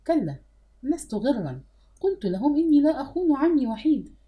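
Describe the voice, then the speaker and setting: A woman's voice: sits high, big pitch swings, a little fast, muffled recording, pitched above the performer's own voice. A woman reading the part of a cold, defiant young man in an audiobook, speaking curtly. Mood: earnest. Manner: cold, curt.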